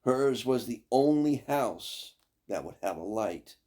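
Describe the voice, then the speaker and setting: An older man of medium pitch reads a fairy tale aloud like a storyteller, shaping each line with expressive, deliberate, dramatic phrasing.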